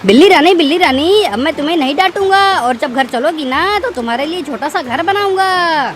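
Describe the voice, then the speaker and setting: A woman's voice: sits high, expressive, fairly quick, faint music behind. A woman voicing a cheeky, sulky young boy in a cartoon, whiny and demanding. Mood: apologetic.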